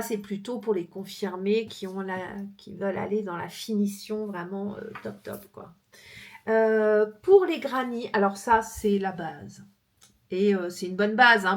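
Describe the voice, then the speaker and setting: Chatty woman vlogger with fillers. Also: medium pitch. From France. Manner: chatty, laughs easily, many fillers. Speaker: crochet vlogger. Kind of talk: casual chat showing books.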